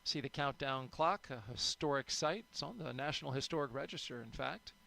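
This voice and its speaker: A man's voice: mid-range voice, a little fast, gravelly, pushed and bright. A man giving upbeat, chatty live commentary as a launch broadcast host.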